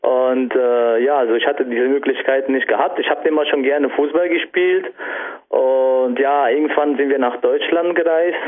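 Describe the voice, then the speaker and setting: A man in his twenties from Sicily with an Italian accent, speaking German as a guest in a radio interview, halting with many fillers. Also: medium pitch, steady tone. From Sicily, Italy. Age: 20s. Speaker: guest bodybuilder. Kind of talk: casual interview answers. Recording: tinny phone-like radio sound.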